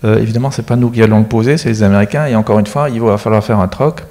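A middle-aged space agency expert, appearing as a guest in a studio interview, explains technical matters matter-of-factly in a fairly low, darkish voice. He talks very fast into a handheld mic on a studio set, and a long reverb trails his words as if in a big hall.

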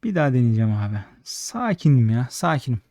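A man giving casual, frustrated slot commentary, swearing constantly and talking at the machine, slightly hoarse late at night. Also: mid-range voice, very animated, fast, warm tone, no room sound, clean studio sound. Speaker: slot streamer.

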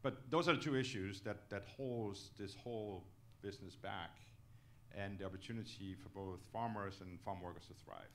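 A middle-aged native Danish speaker from Denmark, a company executive appearing as a guest speaker, answers questions in an on-stage interview in an indoor auditorium. He's earnest and emphatic, often closing a point with "okay?". Through the handheld microphone his voice sounds on the low side, moderately paced and fairly bright, with slight background noise.

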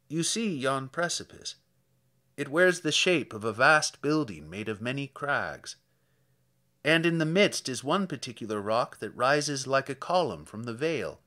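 Voicing a gentle elderly village priest who recalls those who have died, a man recites dramatic poetry with slow, solemn sorrow. He has a medium pitch and a pushed, bright sound.

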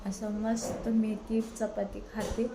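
A middle-aged woman chats informally for a home cooking vlog, hoarse from a sore throat, her voice giving out. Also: medium pitch, little pitch movement, slow pace, over music. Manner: chatty, repetitive, informal. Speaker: homemaker video blogger. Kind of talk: casual cooking vlog chat. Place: home kitchen.

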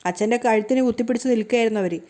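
A woman voicing a smooth-talking, scheming middle-aged man who lies persuasively. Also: a little high, racing, dark tone, close to an everyday voice.

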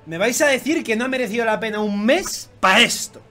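A man doing excited reaction commentary, swearing constantly and bursting into shouts. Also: extremely high pitch, fairly quick, soft background music. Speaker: YouTube manga reactor.

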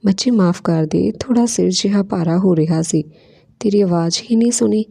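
A woman voicing an affectionate young mother who talks earnestly, with a gravelly, mellow voice. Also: mid-range voice, brisk.

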